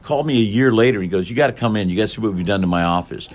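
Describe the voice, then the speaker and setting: A man, a guest on a podcast, telling a story with lively acted-out quotes in a slightly husky, fairly low voice. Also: racing. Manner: acts out quoted voices with big pitch jumps. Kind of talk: animated storytelling.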